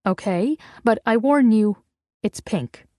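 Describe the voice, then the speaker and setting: A woman's voice: a little high, animated, takes it slowly, dark tone, no room sound, studio quality. A woman voicing a defiant young heroine. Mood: wry. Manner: raised, defiant, pleading.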